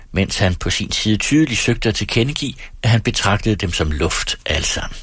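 A man reads an audiobook in a low, husky voice at a steady, measured pace. The recording is dry and close, with no room sound around it. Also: no echo. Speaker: audiobook reader. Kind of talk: audiobook narration.

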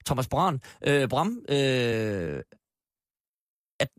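A man's voice: mid-range voice, very animated, no room sound, clean studio sound. A man hosting a political panel discussion, asking probing questions and acting out imagined statements. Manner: probing, acts out imagined quotes. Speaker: host.

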